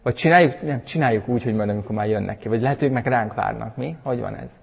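A man preaching in a church hall, his husky voice ringing with a long reverb. He delivers the sermon with emphatic, animated bursts and ends in prayer. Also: mid-range voice. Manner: animated, emphatic preaching with sudden loud peaks.

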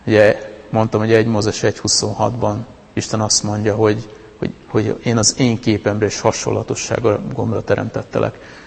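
Male preacher, conversational sermon delivery, gravelly texture, long hall reverb. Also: fairly low pitch, monotone, darkish tone. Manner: conversational, with many restarts and fillers. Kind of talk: informal sermon talk.

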